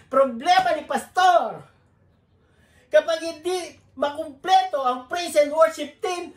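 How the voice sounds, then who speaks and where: A woman preacher giving a sermon, telling a joking story to her congregation in a chatty, storytelling way. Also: high voice. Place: church. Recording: roomy echo.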